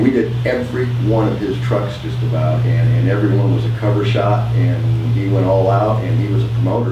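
A man with a very low voice recalls his truck work in a loose, rambling interview, often restarting his sentences. He sits some way from the mic in an echoey room. A clear hum runs underneath. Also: muffled recording. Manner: rambling, self-correcting. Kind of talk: casual interview recollection. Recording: distant mic, roomy echo, humming noise.

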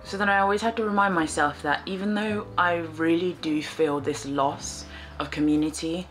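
Brief: woman in her 20s, low voice, quiet and reflective, casual vlog chat with faint music in the background. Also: steady tone, normal speed. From England. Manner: soft-spoken, reflective, low-key. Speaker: fibre artist and vlogger. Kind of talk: casual chat to camera while knitting. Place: small living room, indoors, on a sofa.

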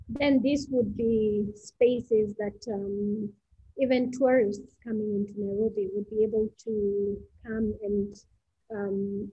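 A female architect from Kenya presenting a talk, unhurried, pausing often with "um". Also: mid-range voice, husky, no echo. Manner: unhurried, with many "um" pauses. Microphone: video call. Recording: dull, dry video call audio.

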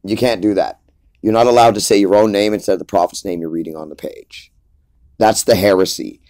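Man, low voice, dry close sound, emphatic lecturing preacher, repeats himself. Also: fairly even intonation, fairly quick, a little mellow, no room sound. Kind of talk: informal preaching monologue.

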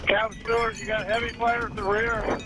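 A man's voice: high voice, level tone, a little fast. A man working as a firefighter, giving brief, procedural fireground reports. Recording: noisy fireground radio traffic.

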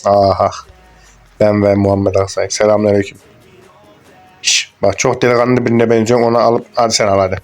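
Crude joking young man, lowish voice. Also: level tone, a little fast, long pauses, faint music behind. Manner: crude, joking, rambling, swears a lot. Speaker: gaming YouTuber. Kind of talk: casual gameplay commentary.

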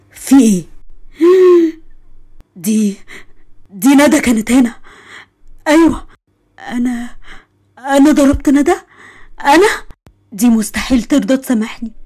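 A woman's voice: on the high side, dark tone, natural voice. A woman with an Egyptian accent voicing a remorseful young man, panicked and pleading, blaming himself. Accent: Egyptian Arabic. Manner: panicked, self-reproaching, pleading.

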